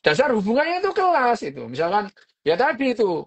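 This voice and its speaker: A woman's voice: fairly high pitch, huge pitch swings, fast, slightly rough, lo-fi sound. A woman, hosting a podcast and explaining a book in a casual, chatty way, full of fillers and little jokes.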